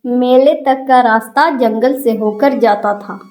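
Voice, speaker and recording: A woman narrating a cartoon story in a gentle, measured storybook manner. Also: on the high side, soft background music.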